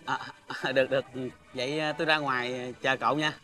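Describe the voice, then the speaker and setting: An actor with a Southern Vietnamese accent, playing a humble older lottery-ticket seller who talks hesitantly and politely, full of fillers. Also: male voice, medium pitch, level tone, a little fast, bright, forceful tone, close to an everyday voice. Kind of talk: TV drama acting.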